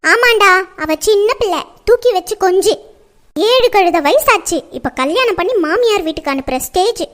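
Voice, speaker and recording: A woman plays a strict middle-aged mother who scolds and lectures without pause. Her voice sits very high and piercing. She pleads and insists in the manner of a family drama. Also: animated. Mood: scolding.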